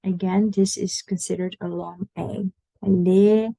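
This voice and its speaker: Woman, online language tutor, low gravelly voice, slow patient delivery. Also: fairly even intonation, a little mellow, no echo, poor audio. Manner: slow, patient, explaining pronunciation. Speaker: language teacher.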